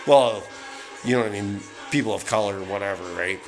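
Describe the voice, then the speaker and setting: A man with a somewhat low voice rants into his own show, heated and rambling, swearing at nearly every turn. He is from Canada, and the sound of his voice shares the track with clearly audible music from a record player. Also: fairly quick, low-quality recording. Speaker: solo podcaster ranting. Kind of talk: casual profane rant. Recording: music playing in the background.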